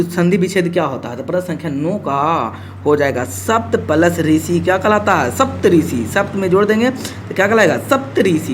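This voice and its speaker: A man's voice: sits high, a little hiss or hum. A male teacher, running a playful exam-prep lesson who acts out student questions and repeats answers.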